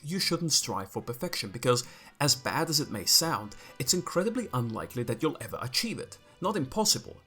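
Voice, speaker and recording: A young Croatian man, a native speaker of Croatian, speaks in a medium-pitched, fairly bright voice. As a video creator addressing the camera, he delivers a scripted, opinionated explanation to his viewers, sprinkled with dry asides.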